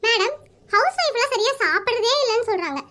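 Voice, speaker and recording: A woman's voice: very high-pitched, lively intonation, fast talker, sharp tone, heavily acted. A woman voicing a young female street interviewer in a comic cartoon, asking questions eagerly.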